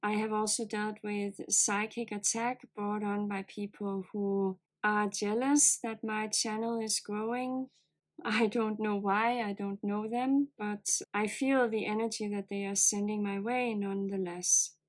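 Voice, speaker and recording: Here a woman offers her audience a spiritual oracle card reading, earnest and calm, encouraging them gently. Her voice sits low with a slight cold-like hoarseness, and she speaks a little slowly on a low-quality recording.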